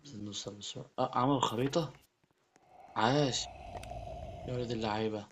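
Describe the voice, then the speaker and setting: A man with an Egyptian Arabic accent giving excitable Let's Play commentary as a gaming YouTuber, often repeating his words. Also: mid-range voice, brisk, dull audio, a little hiss or hum.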